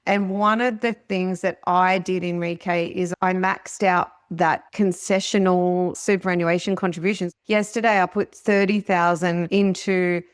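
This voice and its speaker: A woman's voice: fairly low pitch, level tone, unhurried, few pauses, clear, resonant tone, no room sound, studio quality. A woman hosting a podcast, talking in a chatty, casual way and laughing often. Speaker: podcast host. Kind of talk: casual interview chat.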